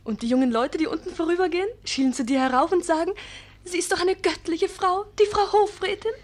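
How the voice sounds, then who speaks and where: A woman's voice: extremely high pitch, fast talker. An actress playing a young girl confidante in a radio play, teasing, confidential and persuasive.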